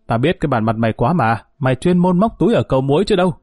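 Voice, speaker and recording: Harsh cop, read by a man, curt and scornful, dark-toned, dry read. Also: mid-range voice, lively intonation, quick pace, no room sound, close to an everyday voice. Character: gruff male policeman, harsh and contemptuous.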